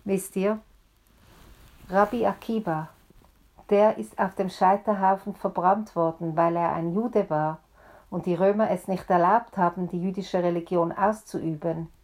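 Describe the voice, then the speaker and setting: A woman as a solemn, slow rabbi. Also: fairly low pitch, fairly even intonation, a little mellow. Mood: earnest. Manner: earnest, slow and deliberate. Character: solemn male rabbi addressing a frightened congregation.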